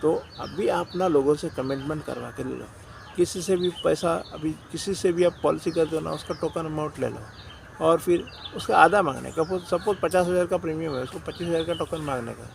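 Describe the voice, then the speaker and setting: Gravelly Indian man coaching sales agents. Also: fairly high pitch, brisk, a little hiss or hum, rough recording. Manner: direct, repeats phrases, often says "dosto". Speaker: insurance sales trainer. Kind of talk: motivational sales talk to agents.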